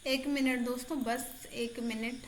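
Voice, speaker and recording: A woman's voice: a little high, steady tone, unhurried, reverberant, slight background noise. A woman exam-prep tutor in a casual online lesson, chatty and encouraging, repeating answers aloud.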